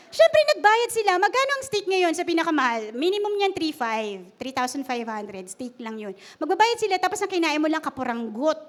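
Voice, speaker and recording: A woman preacher giving a humorous, conversational sermon at a church service and often asking the congregation questions. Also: extremely high pitch.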